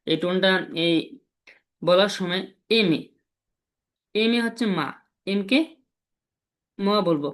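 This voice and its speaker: A man teaching a language lesson, patiently explaining and repeating example syllables slowly. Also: high-pitched.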